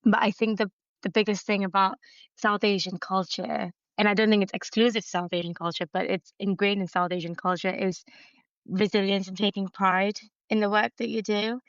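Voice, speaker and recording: Smooth, flat-voiced woman. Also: mid-range voice, normal speed, dry recording, lo-fi sound. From Singapore. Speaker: trainee lawyer, interview guest. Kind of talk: podcast interview.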